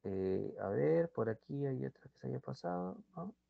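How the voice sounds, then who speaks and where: A man with a Peruvian accent teaching a grammar class online, reading example sentences slowly and loudly, then dropping to quiet asides. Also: mid-range voice, animated, vocal fry, no room sound. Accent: Peruvian Spanish. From Peru. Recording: dull dry lo-fi sound.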